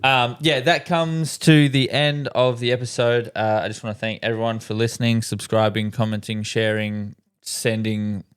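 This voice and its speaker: A man's voice: medium pitch, little pitch movement, moderate pace, hardly any pauses, clean tone. A man co-hosting a podcast in casual chat, laid-back and laughing easily, swearing often. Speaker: podcast co-host.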